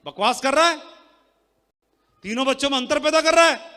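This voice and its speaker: A man with a very high, bright, forceful voice gives a motivational seminar over a stage mic. He shouts and fires questions at the crowd, and his voice rings through a long hall reverb. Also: normal speed. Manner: loud, shouts into the mic, quizzes the audience. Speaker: business seminar speaker. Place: large hall with live audience. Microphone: handheld or stage mic.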